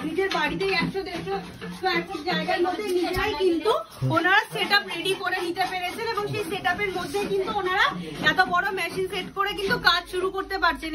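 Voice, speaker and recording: A woman, representing a machine maker and giving an upbeat, persuasive promotional talk during a demonstration. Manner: upbeat, persuasive sales pitch.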